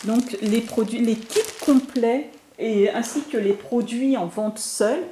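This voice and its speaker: A woman's voice: a little high, unhurried, warm tone, slight background noise. A French woman talking through a scrapbooking haul for her viewers, chatty and enthusiastic, with lots of fillers and restarts. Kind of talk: casual product haul talk to viewers.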